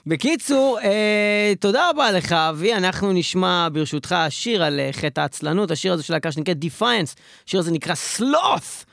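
A man's voice: high-pitched, lively intonation, creaky, a bit bright, no room sound. A man hosting a radio show who answers a caller with curt, dry replies. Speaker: radio host.

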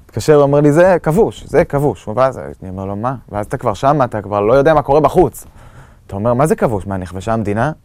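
A young man from Israel giving a halting personal testimony of surviving an attack, with many fillers and restarts. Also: medium pitch, animated, a little mellow, no room sound. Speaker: eyewitness recounting an attack.

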